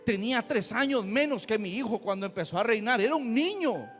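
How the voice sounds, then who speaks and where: Pastor preaching fired up, high voice, folksy, long church echo. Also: male voice, animated, fairly quick, soft background music. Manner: fiery, folksy preaching with rhetorical questions. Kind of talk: sermon.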